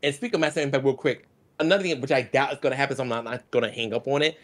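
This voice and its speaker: A man's voice: medium pitch, racing. A man guesting on a casual gaming chat, opinionated and slangy. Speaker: podcast guest.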